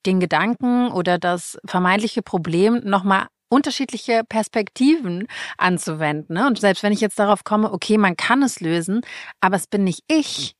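A woman's voice: medium pitch, lively intonation, moderate pace, dry recording. Woman, podcast host, enthusiastic, affirming, dry close recording. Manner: warm, affirming, enthusiastic listener. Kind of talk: casual podcast interview.

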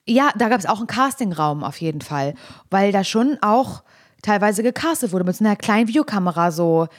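A woman co-hosting a podcast in casual chat, with quick teasing reactions and playful banter. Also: mid-range voice, animated. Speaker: podcast co-host.

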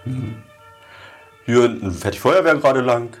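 A man from Berlin hosting a relaxed, joking interview in a small office. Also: mid-range voice, normal speed, soft background music. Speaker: podcast host. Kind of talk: casual interview chat.

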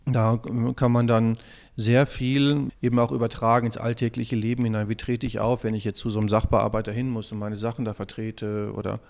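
A man's voice: lowish voice, little pitch movement, fairly quick, creaky, darkish tone. Brief: male theatre director, reflective interview clip, talks in lists of ideas. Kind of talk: interview soundbite.

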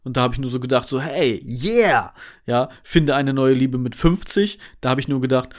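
A man's voice: mid-range voice, normal speed. A man co-hosting a casual podcast chat, teasing his friend and laughing often at his own jokes. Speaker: podcast co-host.

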